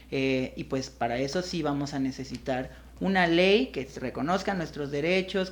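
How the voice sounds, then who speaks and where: A drug policy activist answering interview questions in an earnest, measured way, pausing often with fillers. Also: mid-range voice.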